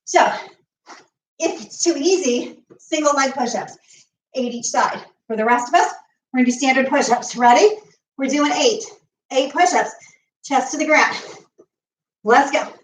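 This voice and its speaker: A woman's voice: high-pitched, a little slow, pauses often. Breathless woman coaching a home workout. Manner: coaching while exercising, counting reps aloud. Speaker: fitness coach. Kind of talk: live home workout instruction. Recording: echoey room, mic at a distance.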